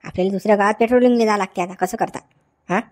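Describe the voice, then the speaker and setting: A woman acting in a village comedy skit, questioning and calming in a chattering way. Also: mid-range voice, very fast, natural voice. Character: village woman, then police constable.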